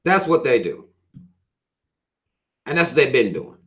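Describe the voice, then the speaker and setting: A man's voice: mid-range voice, big pitch swings, a little slow, a bit bright. A man with a Southern American accent hosting his own channel, ranting bluntly and profanely in a casual livestream while reading out viewer comments. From US South, Carolinas.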